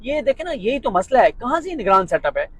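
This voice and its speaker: A man's voice: very high-pitched, very animated, brisk, a bit bright, slightly rough, poor audio. A man with a Pakistani Urdu accent giving a political commentary monologue in a sarcastic, mocking, emphatic way.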